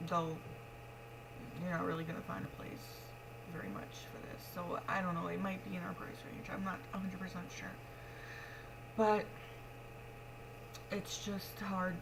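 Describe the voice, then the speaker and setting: A young woman with a slightly low voice chats in a frank, rambling vlog style. She speaks with missing front teeth and keeps a matter-of-fact delivery. The recording has clear background noise and a hum. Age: young adult. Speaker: pregnant vlogger. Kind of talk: casual confessional vlog talk.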